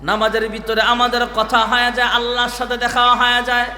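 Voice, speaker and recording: A man's voice: very high-pitched, completely flat delivery, brisk, sharp tone. A man from Bangladesh preaching a waz sermon, chanting in a sing-song way and calling on the crowd to respond. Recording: echoey hall with music behind.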